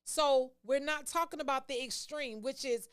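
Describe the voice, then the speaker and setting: A woman's voice: high-pitched, normal speed, a bit bright. A woman co-hosting a casual faith talk show, speaking in an earnest, teaching tone. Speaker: co-host.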